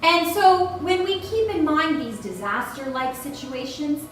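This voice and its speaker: Woman as mock-serious female news anchor, high and dramatic, distant mic, parody bulletin. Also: a little slow, fairly bright tone, slight background noise. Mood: grave. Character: earnest, alarmist female local TV news anchor. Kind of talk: parody newscast. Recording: very echoey room, distant mic.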